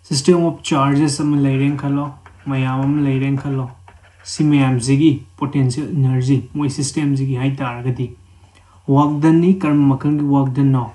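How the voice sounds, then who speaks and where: A man with a Manipuri accent and a dark, medium-pitched voice gives a physics lesson, reading definitions aloud and then walking through them step by step while repeating key phrases. The recording sounds roomy and echoing.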